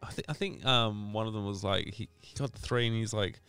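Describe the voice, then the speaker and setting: A man co-hosting a casual basketball podcast, relaxed and quick to chuckle. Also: fairly low pitch, music in the background. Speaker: podcast co-host.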